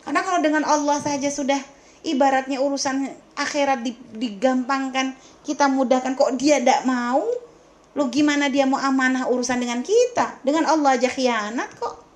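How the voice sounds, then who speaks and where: During a question-and-answer lecture, a woman religious teacher speaks emphatically and scoldingly, piling up rhetorical questions and addressing her listeners familiarly. Her voice is high-pitched and her speed normal.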